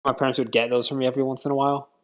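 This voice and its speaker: A man's voice: mid-range voice, flat delivery, racing, a crowd in the background. Casual, self-deprecating man co-hosting a podcast. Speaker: podcast co-host.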